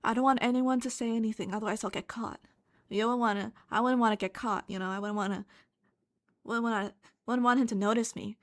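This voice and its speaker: Woman playing scared young video-maker, cute anime streamer voice, higher pitch, breathy hushed mock panic. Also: fairly even intonation, brisk, natural voice. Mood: hushed, nervous. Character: scared, self-serving young video-maker hiding from an intruder. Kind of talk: mocking improvised impression.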